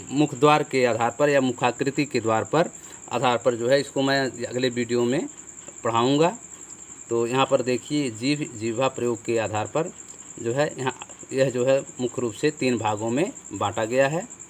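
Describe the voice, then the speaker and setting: In a classroom-style Hindi grammar lesson, a man explains things step by step, asking questions and then answering them, often repeating "ठीक है." His pitch is medium, and there's slight background noise.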